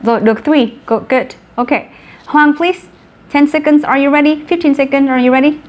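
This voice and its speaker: A woman with a Vietnamese accent teaching English vocabulary in an online class, brisk and encouraging, mixing Vietnamese and English. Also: high voice, fairly even intonation, highs cut off.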